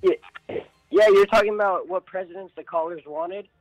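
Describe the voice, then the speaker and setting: A man phones in to a radio show, his voice a bit high and the sound dry, with faint music around it. He states his opinions casually, bluntly and with emphasis. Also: steady tone, normal speed, no room sound, low-quality recording. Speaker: phone-in caller. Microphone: phone call.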